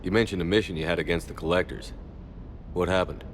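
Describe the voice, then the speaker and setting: A man playing a steady military starship commander in a video game, direct and measured. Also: sits low, a little hiss or hum, natural voice. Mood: calm, probing.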